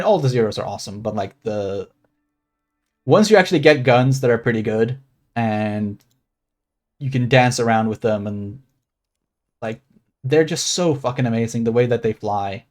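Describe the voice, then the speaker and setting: Chatting with his viewers mid-game, a Swedish streamer with a general American accent talks in a mid-range, darkish voice. His live commentary is casual and rambling, and he curses without hesitation.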